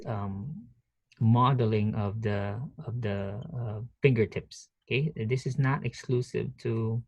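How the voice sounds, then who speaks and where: A man giving an online nursing lecture through a headset mic on a video call, speaking haltingly with many fillers and restarts. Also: mid-range voice, darkish tone, no echo. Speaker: nursing professor. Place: office.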